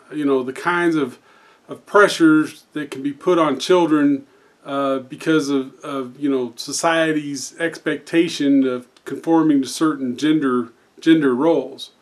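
A man in his fifties or older telling a dad joke as a rambling anecdote, in a halting, hesitant way with repeated words. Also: on the high side. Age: 50s or older. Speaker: host of a daily joke show.

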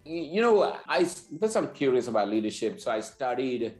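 A man's voice: medium pitch, very animated, brisk, darkish tone, faint music behind. Earnest man on an echoey video call. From Sri Lanka. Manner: earnest, repeats words as he restarts. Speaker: guest, business leader. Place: indoor office, plain wall. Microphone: video call webcam.

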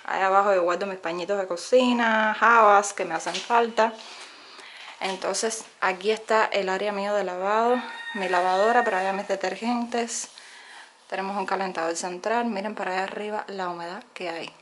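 Woman, Cuban Spanish accent, young adult, casual vlog narration, filler-heavy, phone camera indoors, mid pitch. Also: fairly even intonation, normal speed, a bit bright, slight background noise. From Cuba. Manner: chatty, many "eh" fillers, addresses viewers directly. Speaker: vlogger giving a house tour. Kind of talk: casual house-tour narration. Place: small home, indoors. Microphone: handheld phone camera, speaking from behind it.

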